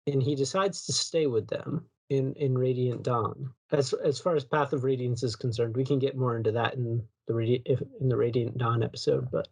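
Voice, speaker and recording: A man co-hosts a casual podcast about video games. His voice sits at a middling pitch, and he rambles loosely, often stopping to restart a sentence. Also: steady tone, normal speed, vocal fry, hardly any pauses, a little mellow, husky. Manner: rambling, self-correcting, loose. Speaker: podcast co-host.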